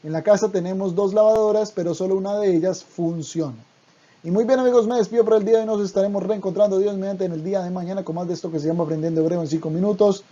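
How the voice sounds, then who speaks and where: A Hebrew teacher giving an online language lesson, speaking deliberately and repeating each word twice. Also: medium pitch, steady tone, warm tone, lo-fi sound.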